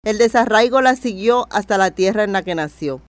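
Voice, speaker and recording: A documentary narrator reads a scripted life story with a measured, even delivery. The sound is dry and close, with no room around the voice. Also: medium pitch, dry recording.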